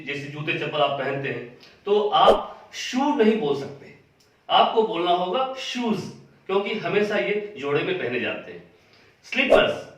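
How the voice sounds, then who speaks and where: Guy teaching english grammar, kinda high voice, slow patient explaining, big echo, mic far off. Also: a bit bright. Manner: patient, explains with everyday examples and repeats key words. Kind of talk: explanatory lesson. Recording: very echoey room, voice from a distance.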